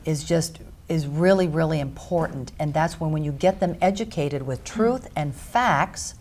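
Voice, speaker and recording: A woman hosts a talk radio interview with a low, mellow voice. She drives her points home in rhythmic lists, pausing with fillers before pushing on. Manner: emphatic, stacks points in lists. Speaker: radio show host.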